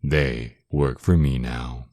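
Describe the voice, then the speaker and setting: A man acts out a dominant vampire lord in an intimate ASMR roleplay. His voice is exceptionally deep and slow, recorded close and dry. He is seductive and menacing, taunting with a possessive, mock-tender air. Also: fairly even intonation, a little mellow, no echo, exaggerated voice. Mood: gloating, sinister.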